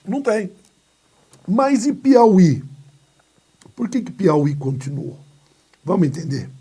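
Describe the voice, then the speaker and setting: Speaking slowly in a high voice with a dark tone and a breathy edge, a Brazilian man swings his pitch widely through a grammar lesson. His Brazilian Portuguese accent colors the lively class as he asks and answers his own questions, stages mini skits, and adds playful remarks. The audio is from a recorded video lesson.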